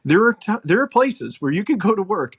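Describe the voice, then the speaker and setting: A man's voice: high voice, sing-song, a little fast, breathy edge. A man talking as a podcast guest, making his case in an emphatic, earnest way and laughing between points. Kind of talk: casual conversational argument.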